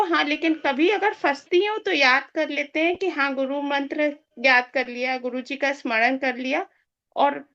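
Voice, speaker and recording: A woman with a high voice speaks calmly and devoutly to her teacher. The sound is dull and lo-fi. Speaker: student sharing experience. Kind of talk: casual testimony.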